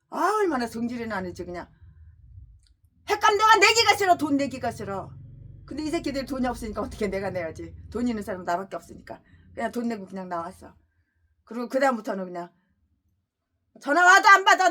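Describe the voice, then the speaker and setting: Lady pastor preaching, high voice that jumps all over, yells then mutters, really worked up. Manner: abusive, swings between shouting and muttering. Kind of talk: expository sermon with angry tirades.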